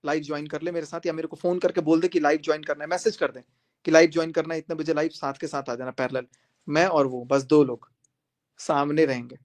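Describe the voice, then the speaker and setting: On a live stream, a young male social media creator launches into a heated monologue, defiantly confronting his critics and repeating phrases for emphasis. His voice is fairly high and fast, with fairly even intonation.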